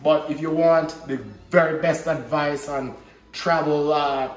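A man's voice: a little high, fairly even intonation, unhurried. A man in his thirties from Jamaica with a Jamaican accent, hosting a casual cooking vlog in an easygoing, chatty manner. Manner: easygoing, chatty, patois-flavored banter. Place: home kitchen, indoors. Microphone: camera mic at a distance. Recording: roomy kitchen echo, distant mic, clear background noise.

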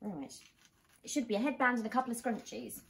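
A woman's voice: on the high side, fairly quick, gravelly, background noise. A British woman in her thirties chatting casually as a vlog co-host in her living room.

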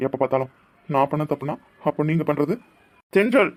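A man voicing young men in a cartoon, talking in a rough, confrontational way. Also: on the high side, little pitch movement, fast, a little mellow. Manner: rough, confrontational street talk. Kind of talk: dubbed cartoon dialogue.

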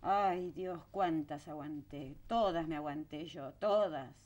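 A woman's voice: sits low, slow pace, a little mellow. An actress playing a fiery working-class mother, a former factory girl, speaking with a Rioplatense accent and often near tears. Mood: indignant. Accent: Rioplatense Spanish. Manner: emotional, exclaiming, voice breaking into tears. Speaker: actress in TV drama. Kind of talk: 1970s TV drama acting.

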